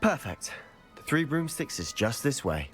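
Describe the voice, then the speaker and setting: An actor playing an eager young male wizard student in a video game, talking in a brisk, friendly way. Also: medium pitch, big pitch swings, a bit bright, faint music behind.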